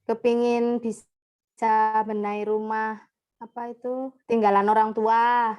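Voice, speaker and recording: Seorang wanita berbicara pelan dan tersendat lewat panggilan video, suaranya putus-putus karena sinyal tidak stabil. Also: female voice, fairly high pitch, flat delivery, slow pace, smooth. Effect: call audio breaking up, choppy signal. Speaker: prospective migrant worker. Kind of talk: casual chat on a video call. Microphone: video call. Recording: lo-fi call audio with faint guitar music.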